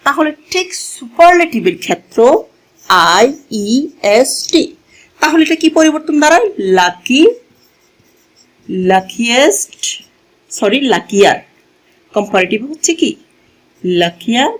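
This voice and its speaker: Slow-speaking woman teaching grammar. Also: a little high, big pitch swings, low-quality recording. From Bangladesh. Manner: explains slowly, asks and answers her own questions; mixes English terms into her explanation. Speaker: English teacher. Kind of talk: classroom grammar lesson.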